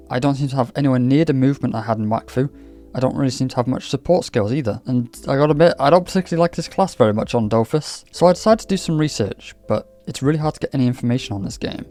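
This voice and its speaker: This gaming vlog comes from a man from Wales whose medium-pitched voice is slightly mellow. His casual game commentary is chatty, candid, and lightly scripted, with faint music playing in the background.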